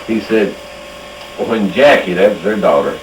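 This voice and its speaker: An older man with a fairly low voice reminisces slowly, pausing and restarting as he tells a story. The recording is roomy and echoey, with steady background noise. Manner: slow, halting, emotional storytelling. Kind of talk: casual reminiscing.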